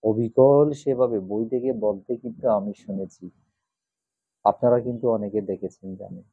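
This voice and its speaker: A man, a Buddhist monk, gives a spoken lesson on Pali pronunciation, slowly spelling out syllables one by one. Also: fairly low pitch, fairly even intonation, slightly rough, no echo. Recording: dry, tinny phone-like sound.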